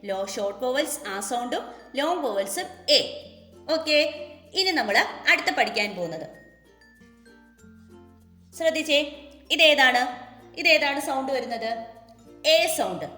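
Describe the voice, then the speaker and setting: A woman with a Malayali accent teaching young children phonics, sounding out letters slowly and coaxing them to repeat after her. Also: high-pitched, very animated, pushed and bright. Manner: slow, drawn-out sounding out of letters and words. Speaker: kindergarten teacher. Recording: echoey room with long reverb, faint music.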